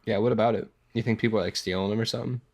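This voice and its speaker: A man's voice: fairly low pitch, steady tone, rapid-fire. A young man with a congested, stuffed-up voice, chatting casually and rambling with lots of filler words and swearing. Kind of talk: casual chat.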